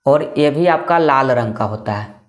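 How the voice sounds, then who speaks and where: A man's voice: mid-range voice, expressive, a little slow, a little hiss or hum. A man explains a maths lesson in an easygoing classroom way. He repeats each point and keeps asking questions that he answers himself. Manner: repetitive, asks and answers own questions. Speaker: maths teacher.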